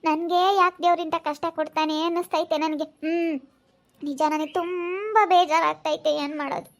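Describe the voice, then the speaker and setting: A high, bright voice from a woman acting out a village woman weighed down by sorrow. She has a rural central Karnataka accent. Her words come in slow, lamenting repetitions broken by sighs, as in a homespun family drama. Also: fairly even intonation. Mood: despairing. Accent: rural central Karnataka Kannada. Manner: lamenting, sighing, repetitive speech. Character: grieving village woman, betrayed by her brother.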